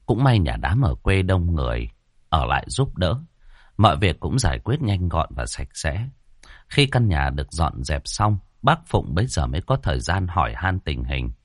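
A man narrating a ghost story in an expressive storytelling manner. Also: low voice, moderate pace, no room sound, studio quality.

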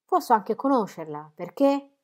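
A woman voicing a gruff, menacing male archer in an audiobook, speaking in slow, clipped replies. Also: on the high side, expressive, dark tone, voice pushed up, lightly acted.

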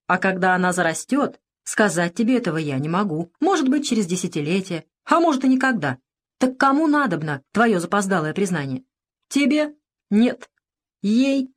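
A woman's voice: mid-range voice, lightly acted. Woman voicing a grumbling old army officer. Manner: grumbling, lecturing. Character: gruff older male ex-political officer, grumbling.

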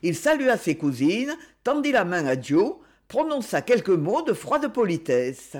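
An audiobook narrator reading a classic novel in a measured, expressive way. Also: medium pitch. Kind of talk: scripted literary narration.

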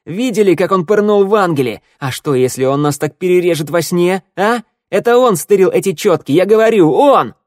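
A man doing a shrill, venomous young accuser. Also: animated, slow, few pauses, warm tone, no room sound, studio quality. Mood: accusing. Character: spiteful, cowardly young man, a sneering accuser.

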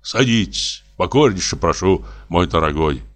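A man's voice: sits low, animated, normal speed, a bit bright. Jovial fussy old postmaster, hearty and familiar, a male reader putting him on. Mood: tender.

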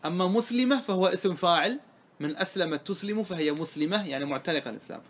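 A man whose voice sits high and sounds expressive and a bit bright walks through a classical poem line by line in a grammar lesson. He asks questions and answers them himself, slowing to quote the verses.

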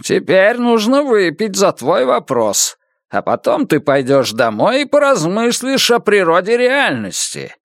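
A male narrator voicing an old drunken tramp who keeps asking questions in a teasing, drawn-out way. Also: high voice, huge pitch swings, no room sound, studio quality, pitched above the performer's own voice, full character voice. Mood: wry.

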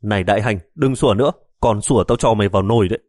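A man voicing a flustered young male police officer trying to calm his mother. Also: on the low side, racing, dry recording, clean studio sound, natural voice. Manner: flustered, pleading.

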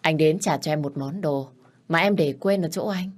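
Cruel icy rich guy, low quiet threats, woman reading him in a deep voice. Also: normal speed. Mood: cold. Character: cold cruel rich young man.

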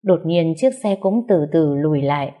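A woman's voice: sits low, lively intonation, normal speed, dark tone. A woman narrating a sad first-person story in a sorrowful, tender way.

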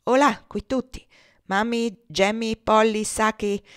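A woman voicing a careless, mocking gentleman master who talks in an offhand, teasing way, in a storybook reading. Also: mid-range voice, expressive, moderate pace, dry recording, clean studio sound, lightly acted.

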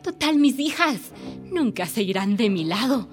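A woman's voice: a little high, very animated, a little slow, faint music behind. A lonely mother sinking into drink. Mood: weary. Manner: confessional, tearful, self-pitying. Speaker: housewife protagonist narrating her life. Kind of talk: radio drama monologue and dialogue.

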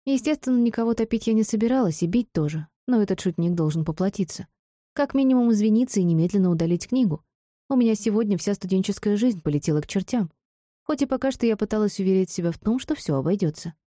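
A woman reading a novel aloud in first-person audiobook narration, with steady storytelling. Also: mid-range voice, fast talker, no echo, clean studio sound. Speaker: audiobook reader.

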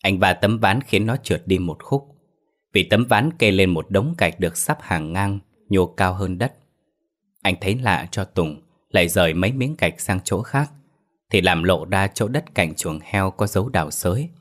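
A man narrating a village story in a steady, measured way. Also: sits low.

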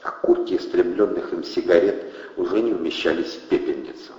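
A man narrating an audiobook with an expressive delivery. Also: sits low, a little fast. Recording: echoey reverberant dull lo-fi.

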